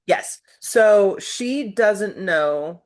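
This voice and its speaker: A woman co-hosting a casual book-discussion podcast, talking in a measured, analytical way and raising questions about the text. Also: mid-range voice, expressive. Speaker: podcast co-host.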